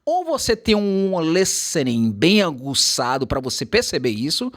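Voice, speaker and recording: A man teaching English to Portuguese speakers in a casual chat, slowing down to model English words carefully. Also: a little high. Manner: animated, switches to slow careful English examples.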